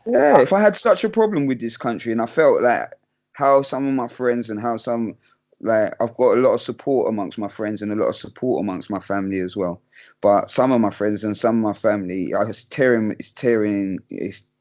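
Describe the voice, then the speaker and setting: A man speaking candidly in an interview, halting and hesitant, with many fillers and restarts. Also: lowish voice, darkish tone. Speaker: guest.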